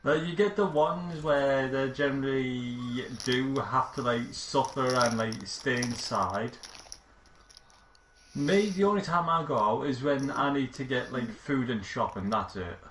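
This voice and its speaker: A man's voice: medium pitch, measured pace, fairly bright tone. Brief: young guy, casual teasing chatter, roomy noisy room. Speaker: gamer. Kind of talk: casual chat over gameplay. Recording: roomy, noisy, game sound.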